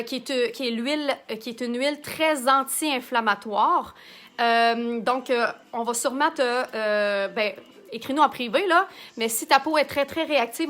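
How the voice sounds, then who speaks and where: Bright, high-voiced Québécois woman. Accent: Québécois French. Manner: chatty, answers viewer comments while working. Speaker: makeup artist hosting a live stream. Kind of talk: live makeup demonstration.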